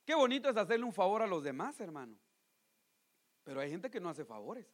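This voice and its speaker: A man preaching a sermon, moving between loud pleading appeals and hushed asides, often calling his listeners brother. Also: high-pitched, sing-song, a little fast. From Guatemala.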